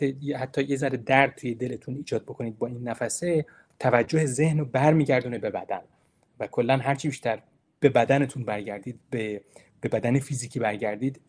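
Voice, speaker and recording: A man's voice: mid-range voice, a little mellow, slightly rough. A man giving an informal academic lecture. He talks in a chatty, encouraging way, asks rhetorical questions, and explains and repeats key points. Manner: explains terms and repeats points to stress them. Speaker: university lecturer giving a presentation.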